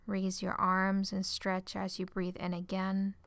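Woman reading a relaxation script, soothing, slow, dry close sound, lines trail off whispery. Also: mid-range voice, creaky, no room sound. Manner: calm and soothing, phrase ends trailing into a whisper. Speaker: relaxation guide.

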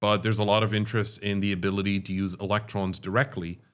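A man from Dubai, a chemical engineering professor, answering interview questions in a measured, explanatory way. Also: fairly low pitch, level tone. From Dubai, Middle East. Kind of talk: conversational interview.

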